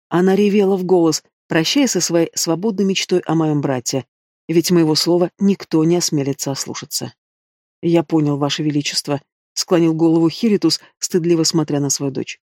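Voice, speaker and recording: Male audiobook narrator, higher voice, dry sardonic delivery, dry close-mic sound. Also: fairly even intonation, fairly quick, a little mellow, dry recording. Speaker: audiobook reader. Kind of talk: scripted first-person narration.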